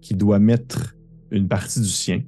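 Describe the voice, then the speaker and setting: A man with a Québécois French accent, narrating a tabletop game as game master in rambling, halting explanations full of fillers. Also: fairly low pitch, fairly even intonation, dark tone, husky, soft background music.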